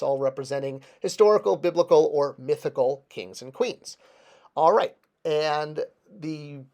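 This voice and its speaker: A man presenting in a casual explanatory style, with animated delivery and emphatic stresses on key words. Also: a little high. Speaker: video presenter.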